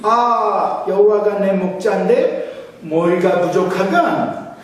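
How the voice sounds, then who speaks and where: Pastor as a Pyongan northerner, loud, insistent, high-pitched, far mic, long reverb. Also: male voice, slow pace. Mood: boisterous. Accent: Pyongan dialect, put on. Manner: loud, rhetorical questions. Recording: echoey church hall, mic far off.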